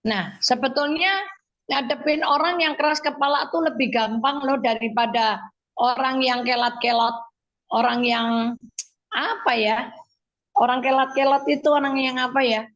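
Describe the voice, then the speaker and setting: A woman over forty speaking in a radio studio. Her voice sits high and bright. She tells her stories in a homely way and acts out the dialogue. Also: fairly even intonation, moderate pace, lo-fi sound. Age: 40s or older. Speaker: guest speaker.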